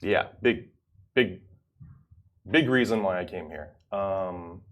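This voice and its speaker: Man from Indonesia, low voice, relaxed and rambling, musician guest in an interview. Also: slow. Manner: easygoing, rambling, full of "like" and "you know". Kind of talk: casual interview chat.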